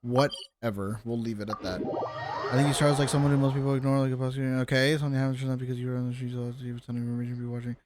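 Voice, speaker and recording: Racing through his words in a mid-range voice with little pitch movement, this man streams a game live from his gaming setup with noise in the background. He chats casually with his viewers, slangy and teasing, throwing in some swearing.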